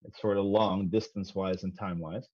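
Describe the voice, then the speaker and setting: A man's voice: sits low, brisk, dry recording. A man in his thirties from the Netherlands, giving a casual, self-deprecating science talk from a home office over a headset. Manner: relaxed, self-deprecating, many ums. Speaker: guest speaker, physicist. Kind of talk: casual presentation over video call. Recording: dry, slightly dull video call audio.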